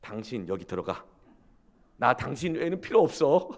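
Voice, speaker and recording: A man voicing an exasperated middle-aged husband who yells during a marital fight. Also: medium pitch, very animated, normal speed. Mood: calm, tender. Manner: yelling, exasperated.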